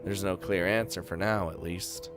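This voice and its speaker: A man's voice: low-pitched, normal speed, over music. Laughing man reading a game aloud. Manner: animated, laughs often, reacts loudly and jokes. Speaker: game streamer. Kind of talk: let's play, reading game text aloud with commentary.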